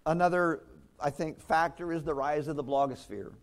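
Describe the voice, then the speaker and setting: A man's voice: fairly high pitch, steady tone, moderate pace. A man preaching a sermon as pastor, in a conversational way with chuckles and restarts.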